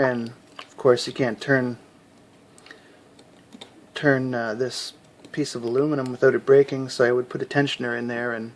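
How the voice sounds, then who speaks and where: A man's voice: medium pitch, a little hiss or hum. A man, a hobby lock picker, casually showing his collection to camera at home, rambling with lots of fillers and restarts. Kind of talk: casual show-and-tell.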